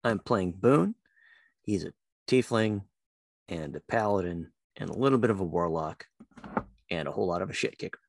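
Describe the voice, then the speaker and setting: Deep creaky-voiced guy introducing stuff casually in a tabletop game. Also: animated, moderate pace, pauses often, no echo, studio quality.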